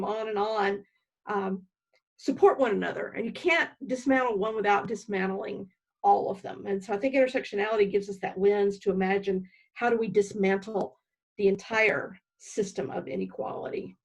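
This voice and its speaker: A woman theologian speaks in a measured, thoughtful way, pausing for ums and restarts. She is a guest in a live online book discussion. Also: medium pitch, steady tone, husky, rough recording.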